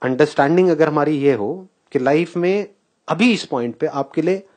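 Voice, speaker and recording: A man giving a live spiritual talk to an audience, animated and questioning, often laughing as he mixes English phrases into Hindi. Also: a little high, normal speed. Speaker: spiritual speaker.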